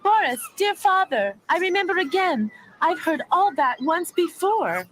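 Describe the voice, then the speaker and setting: A woman's voice: very high-pitched, big pitch swings, measured pace, fairly bright tone, slight background noise, full character voice. A woman voicing a fussy, dramatic old grand duchess. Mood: fretful. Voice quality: fussy, dramatic, sprinkles French phrases. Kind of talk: cheaply dubbed cartoon dialogue.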